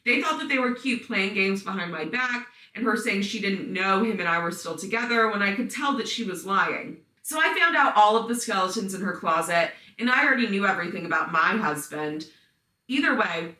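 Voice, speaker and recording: A woman's voice: medium pitch, lively intonation, moderate pace, sharp tone, recorded from a distance. A woman hosting a podcast, reading listener stories aloud in casual story-time style, blunt and profane with chatty asides. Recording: roomy sound, voice set back from mic.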